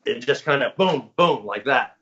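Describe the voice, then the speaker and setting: A man's voice: mid-range voice, animated, moderate pace, bright, forceful tone. A man in a casual interview, telling a long story in a rambling, self-correcting way. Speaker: guest recounting experiences. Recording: dull lo-fi audio.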